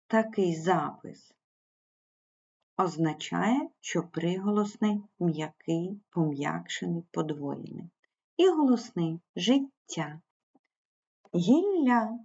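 A woman's voice: lowish voice, warm tone, breathy edge, lo-fi sound. A woman teacher giving a primary school language lesson, patiently spelling out sounds and syllables. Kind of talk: slow explanatory online lesson.

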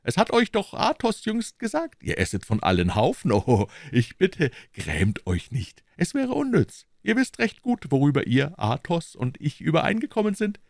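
A man doing a loud, smug boastful musketeer. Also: a little high, huge pitch swings, normal speed, gravelly, hardly any pauses, no echo, clean studio sound, pitched above the performer's own voice, heavily acted. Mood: lecturing. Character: boastful, self-satisfied adult male musketeer.

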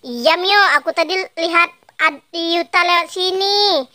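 A child voicing a helpful female police officer, answering in a calm, plain way. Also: very high-pitched, a little slow, no room sound, clean studio sound, exaggerated voice.

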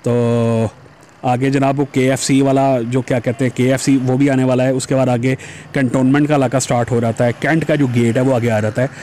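On a motorbike through busy city streets, a Pakistani motovlogger speaks in a warm, mid-range voice that stays fairly flat and moves a little fast. His helmet-mounted camera recording carries slight background noise, and he chats with viewers, calling them "janab".

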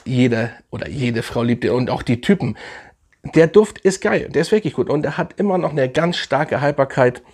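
A man's voice: medium pitch, darkish tone, husky. A young man casually reviewing fragrances in a vlog, enthusiastic and slangy, rambling with fillers.

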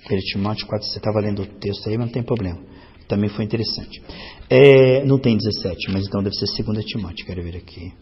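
A man's voice: fairly low pitch, fast, slight background noise. A man with a Brazilian Portuguese accent preaching a sermon as pastor, building to emphatic swells and acting out quoted voices. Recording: long reverb, dull lo-fi sound.

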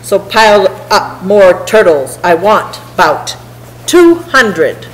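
A woman's voice: medium pitch, very animated, takes it slowly, poor audio. A woman voicing a bragging, bossy turtle king in a storybook, pompous and commanding. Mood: imperious, angry.

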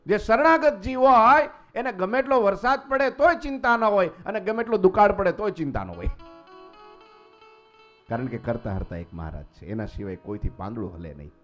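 A man, a swami preaching a storytelling sermon to a temple assembly. He swings between soft asides and loud exclamations. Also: high voice, animated, normal speed. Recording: slightly muffled recording with faint guitar music.

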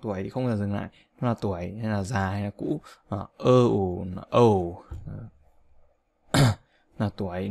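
Guy with a gravelly voice teaching english vocab, says each word over and over slow, keeps asking right?. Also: medium pitch, darkish tone. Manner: repeats words slowly for pronunciation drills; keeps checking with "right?" and filler "uh". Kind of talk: language lesson explanation.

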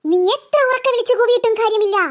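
A woman voicing a menacing female ghost who poses as a little girl and makes slow, gloating threats in a cartoon. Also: extremely high pitch. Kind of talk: cartoon voice acting.

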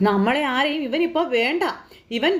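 A woman voicing a shrill scolding mother. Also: lively intonation, moderate pace. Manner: sharp scolding, shrill outbursts. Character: angry indignant middle-aged mother scolding her son.

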